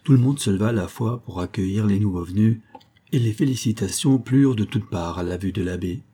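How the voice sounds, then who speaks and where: A male narrator reading a historical novella aloud at a measured pace. His voice is low, with a dark, mellow and husky timbre.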